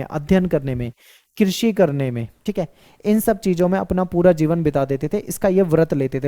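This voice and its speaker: A man's voice: on the high side, warm tone. A male teacher giving an exam-focused history lecture, who asks questions, answers them himself and repeats key points.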